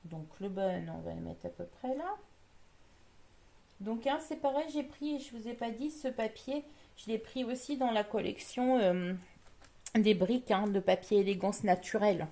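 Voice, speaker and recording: A woman's voice: medium pitch, normal speed, creaky, mellow. A woman chatting through a live card-making demo, explaining each step as she works and answering viewers.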